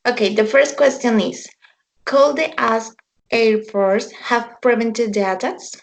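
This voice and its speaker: A woman's voice: fairly high pitch, steady tone, unhurried, gravelly. A woman in her early twenties, a Spanish speaker studying English, speaking hesitantly on a video call. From Colombia. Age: 20s. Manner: hesitant, with restarts and fillers. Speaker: English student. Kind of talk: introduction and answer in class discussion.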